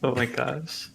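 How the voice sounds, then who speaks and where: A man's voice: mid-range voice, creaky, a bit bright. A man playing in an online tabletop game, chatting casually with frequent giggles over voice chat. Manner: giggly, unhurried. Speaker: player.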